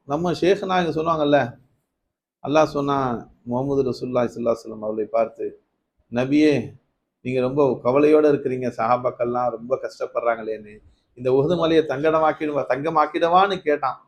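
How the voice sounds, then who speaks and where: Speaking at a normal speed, a male preacher gives a Ramadan night sermon full of stories and questions for his audience. He builds to emphatic high points, then lets his voice fall low.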